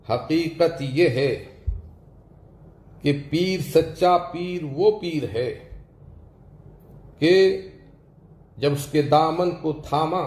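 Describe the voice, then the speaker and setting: A man preaching a devotional sermon in a measured, emphatic way, lifting his voice on key words. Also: medium pitch, creaky, darkish tone, echoey room. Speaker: Islamic preacher.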